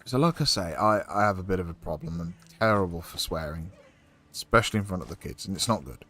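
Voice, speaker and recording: A man's voice: deep voice, animated, fast talker, pushed and bright. A man streaming a game, chatting casually in a rambling way, swearing often and filling gaps with ums and likes. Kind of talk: casual chat while playing a game.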